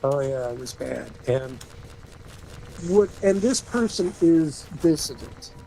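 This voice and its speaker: A man with a gravelly, somewhat high voice talks in a loose, rambling way. He trails off and restarts often. A faint hiss sits under the recording. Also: animated, takes it slowly, dark tone, poor audio. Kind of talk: casual spiritual chat.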